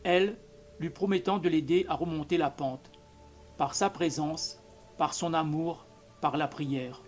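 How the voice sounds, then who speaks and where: A man reading a short story aloud as an audiobook narrator, in a measured, calm manner. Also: a little high, faint music behind. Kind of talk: scripted narration.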